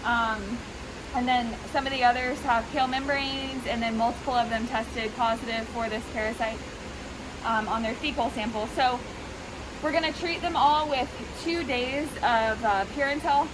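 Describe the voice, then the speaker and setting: A woman explaining animal treatment casually and informally, her voice slightly muffled by a face mask. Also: on the high side. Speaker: veterinary professional treating goats. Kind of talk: casual explanatory talk to camera. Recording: noisy, steady rushing background hiss.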